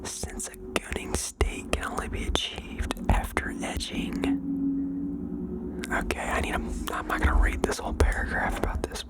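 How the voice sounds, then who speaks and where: An ASMR host whispering as if sharing a secret, reading out listeners' confessions and adding playful asides in a gentle way. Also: normal speed.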